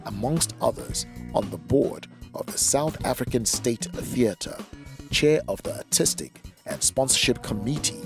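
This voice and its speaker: A man's voice: mid-range voice, vocal fry. A man reading a scripted introduction in a formal announcer delivery. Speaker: narrator. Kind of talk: scripted narration. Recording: narration over music.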